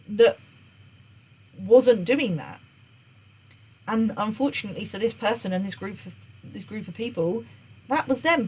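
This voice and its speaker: Husky-voiced woman giving a tarot reading. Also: medium pitch, darkish tone, rough recording. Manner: earnest, repeats and restarts phrases, checks in with "okay?". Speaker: tarot reader. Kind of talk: unscripted tarot reading monologue.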